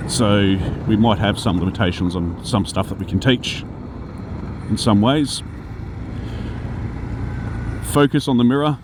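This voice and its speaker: Low-voiced man, broad Australian accent, loud background noise. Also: a little slow, long pauses. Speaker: spiritual teacher and video host. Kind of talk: informal unscripted teaching talk to viewers.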